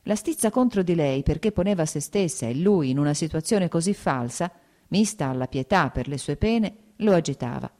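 A woman narrating a classic novel audiobook in a measured, even reading. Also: low voice.

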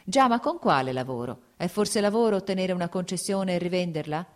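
A woman's voice: lowish voice, animated, brisk, close to an everyday voice. A woman voicing an earnest, brooding male landowner who argues his point in an audiobook reading. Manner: earnest, argumentative.

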